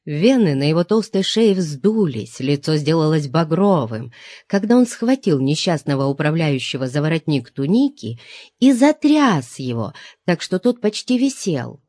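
A woman narrating an audiobook in an expressive reading. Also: low-pitched, normal speed, no echo, clean studio sound.

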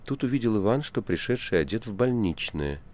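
A man with a very low, deep voice reads a novel aloud. His narration is measured and expressive, in a steady audiobook style. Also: a little hiss or hum.

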